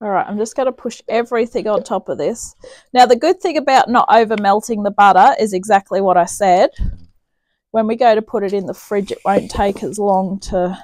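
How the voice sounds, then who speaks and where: In a dry recording, a New Zealand woman with a medium-pitched, darkish voice talks a little fast while hosting a home cooking video. Picked up by a camera mic off to the side of her kitchen, she chats in a homely way and thinks aloud through each step.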